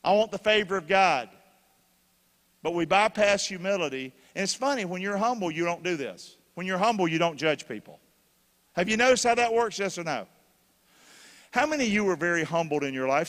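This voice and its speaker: A man preaching a sermon as pastor, questioning his congregation and bursting into shouts when excited. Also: high-pitched. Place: church hall. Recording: long reverb of a church hall.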